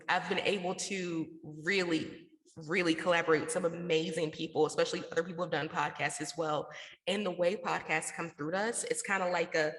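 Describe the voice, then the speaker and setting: A Southern American woman with a lowish, fairly bright voice speaks casually and slangily as a guest on a radio interview. She founded a podcast network, and the room sounds echoey and reverberant.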